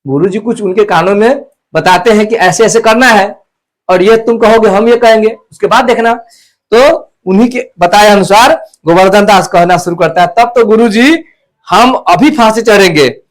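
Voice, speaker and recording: High-voiced man explaining a textbook play. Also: normal speed, poor audio. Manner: explanatory, repeats lines to clarify. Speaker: teacher.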